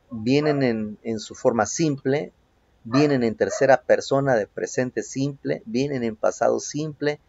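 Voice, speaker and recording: Slow gravelly-voiced male teacher. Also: medium pitch, a little mellow, dry recording, highs cut off. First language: Spanish. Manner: slow, patient, repeats each phrase in English and Spanish, asks "¿ok?" often. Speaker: English teacher. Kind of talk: home-learning video lesson. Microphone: phone.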